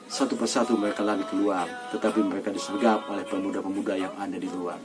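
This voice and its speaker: A man reads a story aloud in a steady, even way, his voice sitting fairly low. Music plays clearly in the background of the recording. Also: fast talker.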